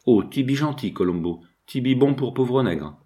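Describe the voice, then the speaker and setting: A man's voice: mid-range voice, expressive, moderate pace, mellow, voice pushed up, natural voice. A man reading an audiobook, voicing a cheerful male ship's cook who talks in broken, childlike speech. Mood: adoring. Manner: broken childlike French, exclamatory.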